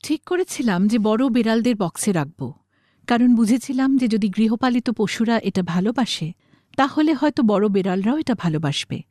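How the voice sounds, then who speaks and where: A woman's voice: fairly high pitch, expressive, normal speed, darkish tone, no room sound, studio quality. A woman reading an explanatory script as a narrator.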